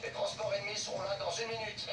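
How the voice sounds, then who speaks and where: A man's voice: sits high, little pitch movement, fast talker, very noisy. A man voicing a male military commander who barks terse, clipped orders over military radio chatter. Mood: commanding. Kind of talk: game unit voice lines. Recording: echoey and distant, over loud game music.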